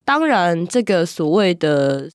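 A woman's voice: lowish voice, very animated, takes it slowly, dry recording, clean studio sound. A young woman co-hosting a casual chat show, joking and sarcastic as she talks. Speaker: podcast co-host.

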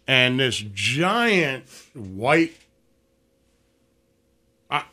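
A man's voice: medium pitch, very slow. A man telling a story in casual conversation, swearing freely and acting out the people he quotes. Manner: profane, animated storytelling with acted quotes. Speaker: podcast guest.

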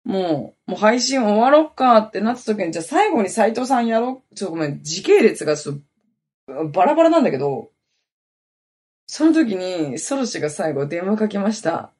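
A woman hosts a podcast and tells a rambling, anecdotal story in casual chat. Her voice has a husky, breathy edge. Her pitch swings widely as she goes, and she scatters fillers throughout. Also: sing-song, a little fast, a little mellow. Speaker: podcast host.

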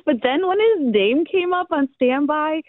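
A woman calling in to a radio show, talking in an animated, giggly rush. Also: high-pitched, unhurried, no room sound. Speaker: caller. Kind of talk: phone call to a radio show. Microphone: telephone. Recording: tinny phone line.

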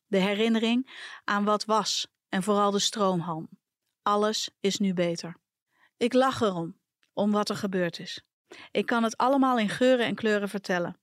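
Woman calmly reading a personal story. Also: mid-range voice, no echo, studio quality. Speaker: podcast reader.

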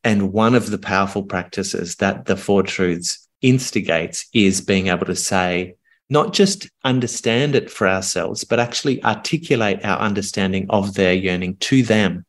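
Man, middle-aged, communication coach, low voice, calm, earnest, reflective pauses. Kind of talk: coaching conversation on a podcast.

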